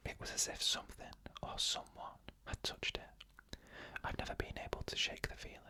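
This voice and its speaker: An ASMR storyteller narrates creepy first-person tales in a soft, unvoiced whisper, phrasing everything slowly and deliberately.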